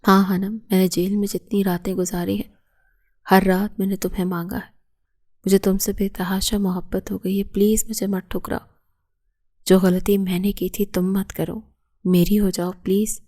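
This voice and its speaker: A repentant young man begs to be forgiven, voiced by a woman reading the novel. The voice stays mellow and fairly flat despite the pleading. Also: medium pitch, lightly acted.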